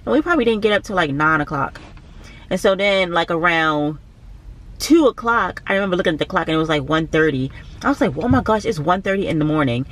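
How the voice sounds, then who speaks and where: A woman's voice: on the low side, lively intonation, fast talker, fairly bright tone. A young woman, chatting to her vlog camera from a parked car, tired and a bit cranky. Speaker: vlogger. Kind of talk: casual vlog chat. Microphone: handheld camera close by.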